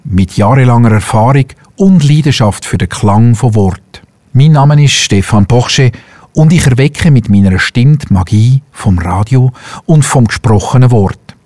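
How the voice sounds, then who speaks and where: A middle-aged man, a radio host and voice-over artist, reading a scripted self-promotion in a polished, warm promotional manner. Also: mid-range voice, unhurried, dry recording.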